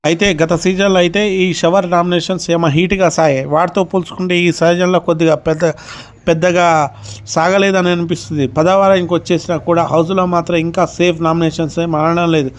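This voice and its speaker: High-voiced man recapping reality drama. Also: level tone, fairly quick. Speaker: reality show recap narrator. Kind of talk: spoken recap narration.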